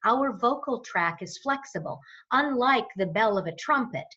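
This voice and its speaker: A voice coach guest in an interview, this woman explains and demonstrates in an instructional way, deliberately varying her resonance. Her voice is on the high side, animated, pushed and bright, with a husky quality, though the audio is dull.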